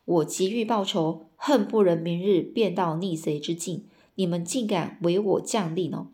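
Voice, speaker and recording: A woman voicing a hot-tempered, grieving male general, reading his lines in a plain, steady voice. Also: on the low side, moderate pace, lightly acted. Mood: indignant.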